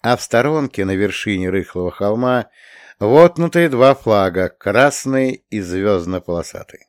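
A man narrating a science fiction story as an audiobook reader, in measured storytelling. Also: on the low side, expressive, dry recording, clean studio sound. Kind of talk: scripted narration.

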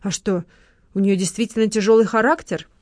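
A woman's voice: medium pitch, fairly even intonation, fairly quick, darkish tone, no room sound, studio quality, natural voice. Woman reading as a gushing, proud beautician.

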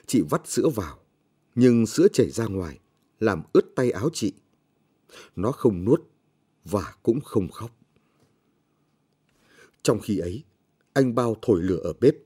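A man narrating a short story in a slow, measured, somber reading. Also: lowish voice, expressive, warm tone, breathy edge. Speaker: audiobook narrator.

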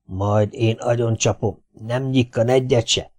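A man reading an audiobook, voicing a blunt, burly medieval Hungarian war-lord with gruff, old-fashioned speech. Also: medium pitch, fairly even intonation, a little mellow, natural voice.

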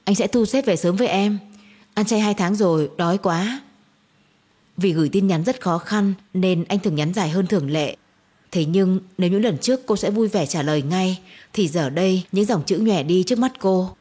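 A woman narrating a dramatic audio story in a steady storytelling voice. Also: fairly low pitch, slightly rough.

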